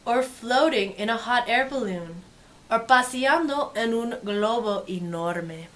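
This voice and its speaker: A woman presents a picture book bilingually, expressive as she reads and softer in her casual asides. Her voice leans high, her pace is a little slow, and there's slight hiss or hum.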